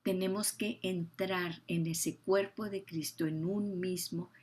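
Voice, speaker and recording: A woman's voice: fairly low pitch, fairly even intonation, slow. An older woman, teaching the Bible with emphasis, repeating key phrases and asking her listeners questions.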